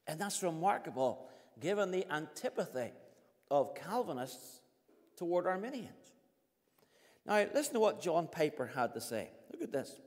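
An older man preaches in a church hall, his fairly high voice ringing with a long reverb. He moves from homely anecdotes to emphatic, building points. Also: sing-song, moderate pace, a little mellow. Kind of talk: sermon.

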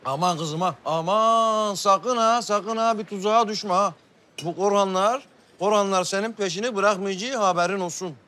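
A man's voice: high-pitched, sharp tone. An actor playing a middle-aged, hot-tempered father who blusters and grumbles in a TV drama. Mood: scolding. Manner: blustering, quick to anger, grumbling. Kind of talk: TV drama acting.

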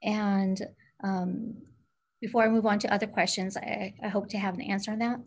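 A woman's voice: mid-range voice, steady tone, moderate pace, creaky, a little hiss or hum. Earnest woman council member. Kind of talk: council meeting questioning.

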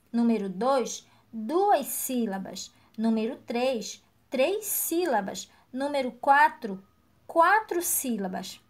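A woman teaching a recorded lesson to young children, slow and encouraging, praising each answer. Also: sits high. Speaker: primary school teacher.

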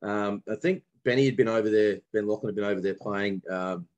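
A man's voice: fairly low pitch, brisk, muffled recording. A young adult man from Brisbane with an Australian accent, chatting casually as a podcast guest and telling stories with friendly slang and plenty of restarts. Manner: relaxed storytelling with mateship slang and many restarts. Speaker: guest, former professional cricketer.

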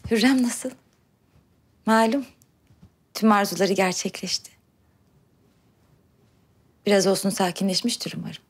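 A woman's voice: mid-range voice, unhurried, pauses often, husky. An actress playing an anxious young Ottoman princess in a period drama. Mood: troubled.

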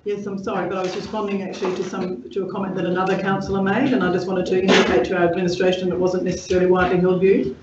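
A high-pitched man speaks haltingly in a committee meeting, full of ums as he works through his points. He is picked up from a distance in an echoey chamber. The sound is dull, with steady noise behind it. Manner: hesitant, halting, with many fillers. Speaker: deputy lord mayor at a council committee meeting. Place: council chamber.

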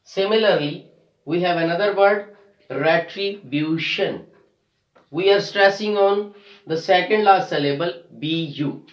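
A man teaching an English lesson, explaining syllable stress and spelling out letters while slowly repeating example words. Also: sits high, reverberant, low-quality recording. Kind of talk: classroom lesson on word stress.

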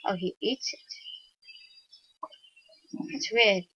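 A woman quietly thinking aloud while playing a video game, in casual commentary on a dull lo-fi recording. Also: mid-range voice, extremely slow, husky, no room sound. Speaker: gamer.

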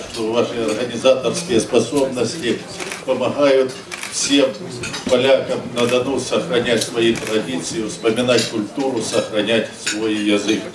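An older man gives a ceremonial address in measured, oratorical phrases. His voice is picked up from a distance in an echoing room with audible crowd noise. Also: mid-range voice. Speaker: regional government official. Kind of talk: formal ceremonial speech. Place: large indoor stage at a banquet. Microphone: far camera recording amplified speech. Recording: echoey hall from far off, crowd noise.

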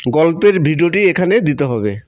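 At normal speed, a Bengali man in a high, sing-song voice narrates a tutorial one step at a time in a repetitive, instructional manner. The voice-over sounds lo-fi, dull and muffled.

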